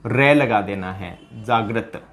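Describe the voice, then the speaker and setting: A man's voice: on the low side, slow, fairly bright tone. A man teaching a Hindi spelling lesson for exam students, asking the class question after question and answering them himself, with joking asides in a local dialect. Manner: quizzing listeners with repeated rhetorical questions.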